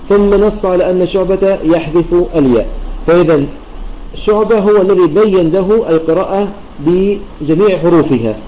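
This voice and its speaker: Guy teaching a religious text online, talks fast, keeps restating stuff, kinda muffled lo-fi chat audio. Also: high voice, mellow. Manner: methodical explaining, repeats and restates points. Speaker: Quran recitation teacher. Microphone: computer mic in an online voice chat room.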